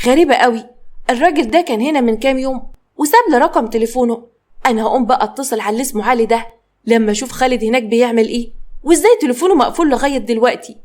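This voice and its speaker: A woman voicing a scolding young wife with an Egyptian accent, sharp and insulting. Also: fairly high pitch, racing, close to an everyday voice. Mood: nagging. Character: shrill, scolding young wife who throws out her mother-in-law.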